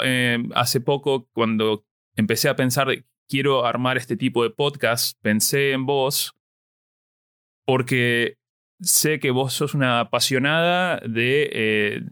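A man's voice: medium pitch, a bit bright, smooth, no room sound, clean studio sound. A man with a Rioplatense accent hosting a podcast, asking friendly, curious questions. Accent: Rioplatense Spanish. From Argentina. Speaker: podcast host. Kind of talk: conversational interview.

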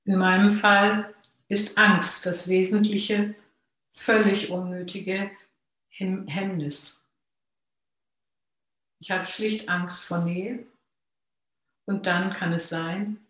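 Reflective dharma talk from a Zen practitioner, unhurried and pausing, heavy room echo. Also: medium pitch, flat delivery, a bit bright. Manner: slow, measured, pausing between phrases. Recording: very echoey room.

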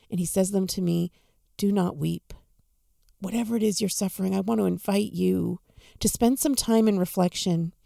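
A woman giving an earnest, encouraging devotional reflection on a gospel reading, speaking softly to listeners at home. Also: medium pitch, gravelly, no echo, clean studio sound. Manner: earnest, encouraging, soft-spoken.

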